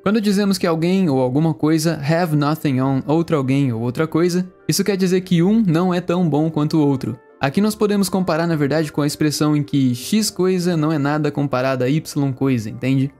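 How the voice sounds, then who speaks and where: Brazilian man, English teacher, friendly, slightly high voice, soft music behind. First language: Portuguese. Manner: friendly, explains and repeats phrases slowly. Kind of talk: language lesson narration.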